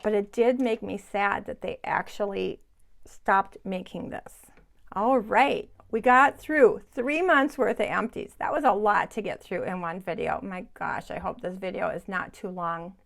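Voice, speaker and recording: A woman's voice: medium pitch, unhurried, creaky, a bit bright. Woman in her sixties, beauty vlogger, casual chatty review, speaks straight to viewers. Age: 60s. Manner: chatty and enthusiastic, addresses viewers directly. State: sweating in the heat. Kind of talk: casual product review chat. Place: home, hot room without air conditioning.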